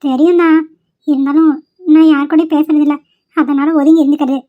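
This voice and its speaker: Woman doing aloof cartoon student girl, curt, worried, high, muffled sound. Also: flat delivery, a little fast, natural voice.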